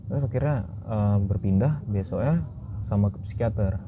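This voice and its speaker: Low-voiced man chatting candidly. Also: moderate pace. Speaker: guest. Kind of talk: casual podcast chat. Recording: noisy background.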